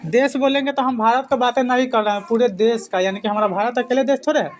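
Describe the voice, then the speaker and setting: A man's voice: extremely high pitch, fast. A male teacher giving an exam-prep grammar lesson, quizzing listeners with repeated questions and then answering them himself. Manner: repetitive, drilling delivery.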